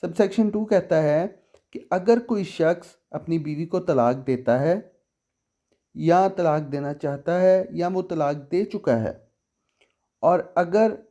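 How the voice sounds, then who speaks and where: Slow, mellow-voiced man explaining law. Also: on the high side, lo-fi sound. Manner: reads statute text slowly, then explains with questions to the listener. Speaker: legal explainer.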